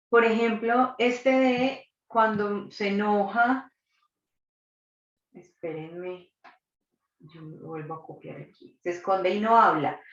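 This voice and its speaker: A woman, a psychologist and doula, leading a live online workshop and asking the audience reflective questions. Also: medium pitch. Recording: distant, dull, roomy recording.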